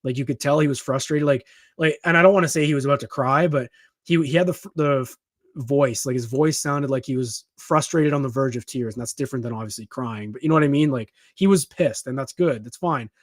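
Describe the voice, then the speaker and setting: A man co-hosting a sports podcast, talking in an emphatic, animated way with frequent restarts. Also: medium pitch, a little fast, dry recording, studio quality. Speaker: podcast co-host. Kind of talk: casual sports talk.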